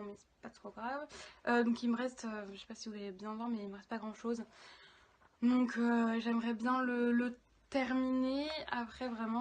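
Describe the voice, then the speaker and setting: A young woman talking casually about her reading in a book vlog, filmed on her phone, often pausing with fillers. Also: on the high side. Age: young adult. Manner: chatty, many hesitations and fillers. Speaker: book vlogger. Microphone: phone camera.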